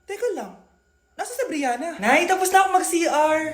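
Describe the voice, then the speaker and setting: Woman comedy skit performer, very high voice, echoey room, faint music underneath. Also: sing-song, moderate pace.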